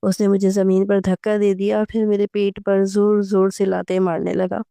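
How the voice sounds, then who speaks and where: A woman narrating a romantic audio novel in the first person, in a steady, even storytelling manner. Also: medium pitch, gravelly, clear, resonant tone, dry recording.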